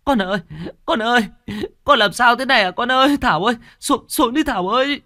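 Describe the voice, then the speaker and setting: A man's voice: very high voice, a little fast, bright, forceful tone, no room sound, studio quality, voice pushed up. A man doing a wailing, desperate mother. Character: crying, desperate village mother.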